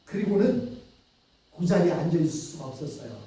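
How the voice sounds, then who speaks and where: Brief: male pastor from Chungcheong, mellow dark voice, storytelling sermon, picked up far off in a booming church hall. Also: animated, a little fast. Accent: Chungcheong Korean. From Chungcheong, South Korea. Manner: storytelling, asking the congregation questions. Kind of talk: Sunday sermon. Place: church sanctuary.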